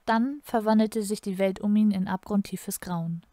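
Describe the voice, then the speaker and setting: A woman reading her own novel aloud in a measured, dramatic narration. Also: medium pitch, fairly even intonation, warm tone, dry recording, clean studio sound. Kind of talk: audiobook narration.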